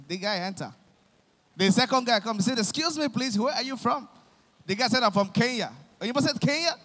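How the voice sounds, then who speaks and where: A young man with a Nigerian accent doing animated stand-up comedy in Pidgin, acting out his characters, on a handheld mic on a concert stage. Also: high voice. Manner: animated storytelling, acting out police and pastors. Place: large concert stage with live audience. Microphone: handheld microphone. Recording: long reverb of a large hall.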